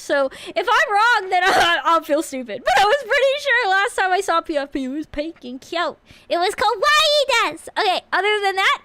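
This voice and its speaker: A woman's voice: extremely high pitch, pushed and bright, no echo. A woman livestreaming reactions and chatting to viewers in a cute, bubbly, exclamatory anime-streamer manner. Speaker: streamer reacting to a lore video.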